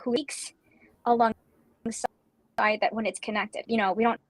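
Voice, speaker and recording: A woman calling in by phone, sharing spiritual thoughts in a halting, rambling way, with her volume cutting in and out and dropping words. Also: fairly high pitch, steady tone, no room sound, rough recording. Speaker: participant calling in.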